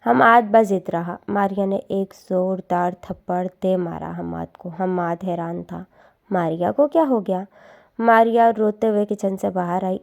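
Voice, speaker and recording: A woman narrating a dramatic story in a steady, earnest scripted reading. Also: lowish voice, gravelly.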